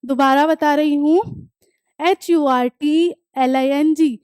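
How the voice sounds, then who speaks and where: High-voiced woman teaching English. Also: fairly even intonation, darkish tone, no room sound, studio quality. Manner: reads English text slowly, then explains in Hindi; drills pronunciation, repeating words. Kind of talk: classroom lecture explaining a textbook chapter.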